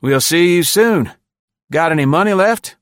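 A man doing a gruff, clipped army general. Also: a little high, animated, measured pace, a bit bright, no echo, clean studio sound, pitched above the performer's own voice. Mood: brisk. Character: brisk older male army general on the phone. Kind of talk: storybook reading.

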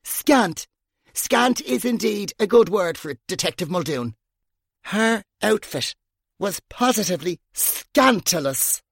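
A man's voice: high-pitched, expressive, a little slow, creaky, no room sound, clean studio sound, pitched above the performer's own voice, heavily acted. A male narrator voicing a brash, bawdy young woman detective who tells crude stories to her colleagues. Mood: gleeful.

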